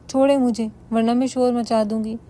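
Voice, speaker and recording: A woman voicing a heartbroken young wife who shouts her accusations. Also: a little high, flat delivery, natural voice. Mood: furious.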